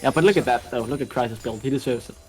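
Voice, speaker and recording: A man with a Danish accent casting an esports match, excitable and jokey, shouting at big plays. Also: mid-range voice, fast talker, faint music behind. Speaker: esports caster. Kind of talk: play-by-play commentary.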